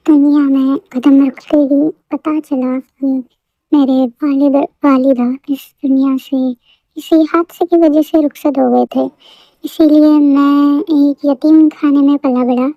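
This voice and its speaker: A woman's voice: high voice, no echo. A woman voicing a teasing mafia boss husband. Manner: playful, flirty, boastful. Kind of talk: fan audio story. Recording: dull lo-fi dry recording.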